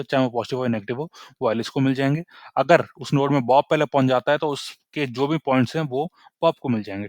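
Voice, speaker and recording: A man's voice: medium pitch, no room sound, clean studio sound. A young man explaining a coding problem in a casual lesson, checking in constantly with his listeners. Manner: chatty, repeats "ठीक है?" after nearly every point. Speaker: coding tutor.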